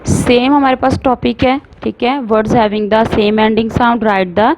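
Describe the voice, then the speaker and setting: A woman teaching phonics to young children, sounding out words slowly and explaining in Hindi mixed with English. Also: on the high side, steady tone, noisy background. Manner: slow, drawn-out sounding out of words.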